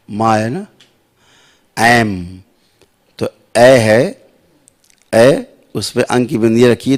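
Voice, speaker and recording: A man teaching devotees slowly, repeating sounds to show the right pronunciation and checking that listeners follow. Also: medium pitch, darkish tone. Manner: asks listeners "है ना" and "समझ रहे हैं आप". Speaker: spiritual teacher. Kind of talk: slow spiritual instruction to devotees.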